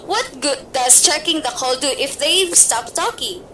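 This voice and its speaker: Radio-play role: a fretful, demanding bedridden lady, read by a woman, high and shrill. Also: expressive, measured pace, bright, forceful tone, slight background noise, full character voice. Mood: frantic insistence. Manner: shrill, impatient, fretful pleading. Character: nervous bedridden wealthy woman, demanding and frantic. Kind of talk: amateur radio play acting.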